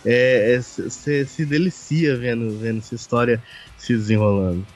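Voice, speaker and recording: A man co-hosting a casual film chat, summarizing the story in a halting, explanatory way. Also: medium pitch, fairly even intonation, faint music behind. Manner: halting, explanatory, restarts often. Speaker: podcast co-host.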